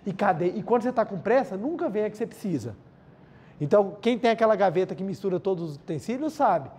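A man's voice: high voice, darkish tone, breathy edge. A man with a Brazilian accent giving a spiritual lecture, telling personal stories, repeating key phrases and often addressing the listeners directly. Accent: Brazilian Portuguese.

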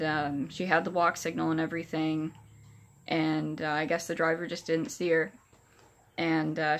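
A young woman with a slightly low voice talks casually to her camera in a small room. She has no upper teeth in, so her words come out with soft, gummy articulation. Her delivery is hesitant and halting, with plenty of pauses. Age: young adult. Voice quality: soft toothless articulation, without upper dentures. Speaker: vlogger. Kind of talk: casual personal update to camera. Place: small furnished room indoors. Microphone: phone or camera at arm's length.

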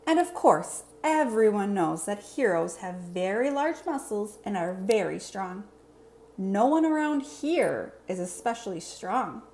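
A woman voices a boastful yet earnest monster superhero in a storybook, using formal, over-enunciated phrasing. Her mid-range, darkish voice swings widely in pitch at a measured pace, and clear background room noise is audible.

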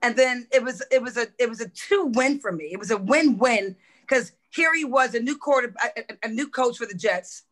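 A middle-aged woman, a former football coach, telling stories in a podcast interview, lively and swearing freely as she acts out quotes. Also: fairly high pitch, brisk, poor audio. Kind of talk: animated storytelling in a podcast interview.

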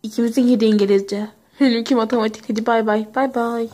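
A woman's voice: on the high side, fairly even intonation, fast talker, dark tone. A young woman performing every part of a homemade pony toy story, switching between chatty playful character voices.

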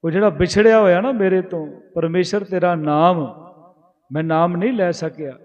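A high-voiced male preacher who stretches out the verses he recites before explaining them in everyday talk. The sound is dull and muffled, and a long reverb trails after each phrase. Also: steady tone. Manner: slow, drawn-out recitation of verses between plain explanation; addresses listeners directly with questions. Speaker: Sikh preacher giving scripture commentary. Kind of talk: sermon with chanted scripture lines.

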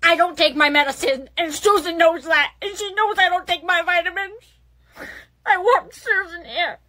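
A woman's voice: extremely high pitch, sharp tone. A woman voicing a cranky, stubborn elderly woman in a nursing home, whining and drawling in a comedy skit. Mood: demanding. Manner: cranky, whiny, slow drawl.

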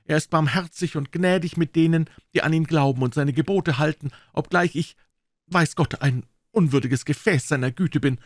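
Brief: a man playing a fervent old aunt in a storybook reading, very high voice, dry sound. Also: normal speed, no echo, natural voice. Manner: fervent, exclaiming, invoking God. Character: pious, emotional elderly aunt.

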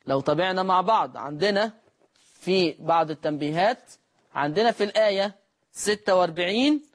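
An Egyptian-accented man leads a recitation class in a high, light voice for a man. He quizzes his listeners and then answers his own questions, and he slows right down to chant the quoted verses in long, drawn-out notes. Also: lively intonation. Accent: Egyptian Arabic. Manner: asks the class questions and answers them himself. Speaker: Quran recitation teacher. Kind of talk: classroom lesson explaining recitation rules.

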